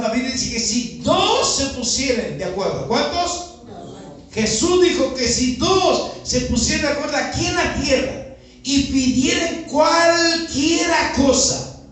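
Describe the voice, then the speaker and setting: A man's voice: very high-pitched, a bit bright. A man with a Uruguayan Spanish accent, a pastor preaching a sermon and firing rhetorical questions at his congregation, recorded outdoors in a neighborhood. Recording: echoey, from far off, with faint music.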